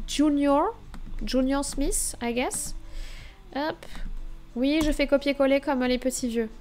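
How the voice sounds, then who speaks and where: Woman, young adult, streamer, casual live chat, thinking aloud, slightly high voice. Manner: chatty and scattered, thinking aloud while browsing.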